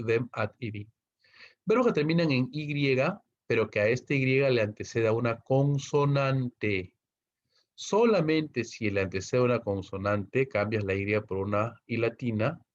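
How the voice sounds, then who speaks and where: In a somewhat low voice, heard through muffled audio, a man teaches English grammar online. He explains each step and checks on his students nearly line by line.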